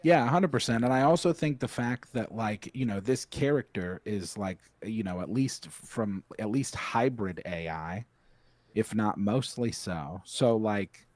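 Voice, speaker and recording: A man's voice: on the low side, a little slow, a little mellow, no echo. A man co-hosting a podcast in casual chat, rambling with lots of "like" and "you know.". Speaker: podcast co-host.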